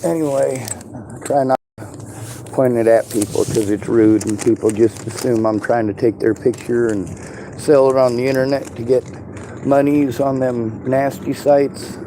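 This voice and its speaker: A man's voice: medium pitch, fairly even intonation, a little slow, mellow. A man with a Southern-sounding drawl and toothless, slightly slurred speech, chatting casually in a blunt, rambling way full of swearing. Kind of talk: casual street conversation. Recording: clearly noisy outdoor recording with vehicle sounds.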